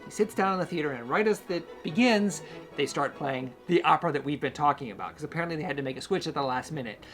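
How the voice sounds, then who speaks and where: A man's fairly high, slightly bright voice moves at a quick pace with lively intonation. As host, music educator and conductor, he delivers casual, animated classical music history stories and performs brief quotes mid-telling.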